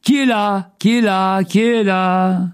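Man playing the echo: high repeated words, loud. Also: steady tone, takes it slowly, clear, resonant tone. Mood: mocking.

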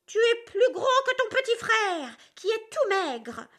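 A woman's voice: very animated, a little slow, exaggerated voice. A woman doing a shrieking furious troll. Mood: furious, menacing. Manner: shrill, shouted threats. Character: furious greedy bridge troll, shrieking and threatening.

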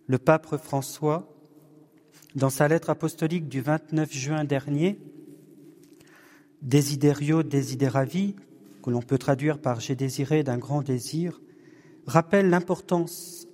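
Male parish evening leader, slightly high voice, very unhurried delivery, recorded in a reverberant hall. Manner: slow, measured and gently humorous. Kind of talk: leading a parish discussion evening. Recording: long hall reverb, distant room mic.

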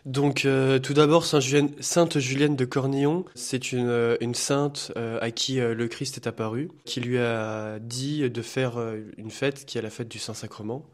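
A young man from France, a student guest in a radio studio interview, speaking hesitantly with many filler pauses. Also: mid-range voice, fairly even intonation. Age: young adult.

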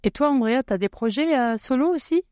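A woman's voice: sits high, animated, fairly quick, mellow. A woman co-hosting a radio show, asking guests questions in a playful, teasing way. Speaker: radio co-host. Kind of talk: casual interview chat.

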